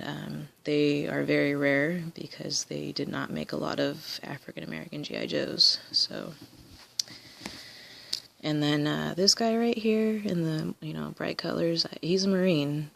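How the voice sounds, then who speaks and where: A woman's voice: low voice, level tone, unhurried, gravelly, a bit bright. A woman collector casually showing her toys on video, rambling with many ums and restarts. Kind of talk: casual show-and-tell video.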